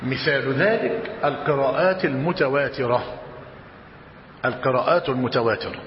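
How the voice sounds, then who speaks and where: A man with an Egyptian accent teaching a religious lesson, slowly dictating and repeating each phrase and quizzing his students. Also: mid-range voice. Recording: dull roomy hall recording, faint hiss.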